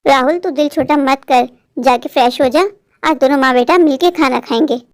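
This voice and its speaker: Lady doing a doting cartoon mom bird, fussy and affectionate, really high voice, dry sound. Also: normal speed, dry recording. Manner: fussing, affectionate. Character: doting middle-aged mother bird, fearful of loneliness. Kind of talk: cartoon voice acting.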